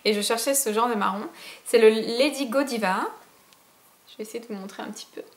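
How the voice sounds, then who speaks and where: A woman's voice: fairly high pitch, fairly quick. A young woman from France chatting enthusiastically to camera about her beauty purchases, with many fillers. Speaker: beauty vlogger. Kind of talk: casual haul chat to camera. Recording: echoey room.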